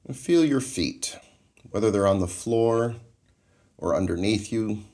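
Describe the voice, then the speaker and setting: Man, very low voice, unhurried, calm meditation guide. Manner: calm, slow, measured, soothing.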